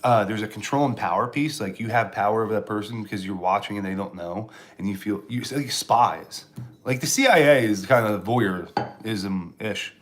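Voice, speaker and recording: A man's voice: on the low side, normal speed. Rambling sarcastic man streaming live. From Pennsylvania, US. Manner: rambling, sarcastic, answering chat with restarts. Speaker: live streamer and stand-up comedian. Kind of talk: casual live-stream chat.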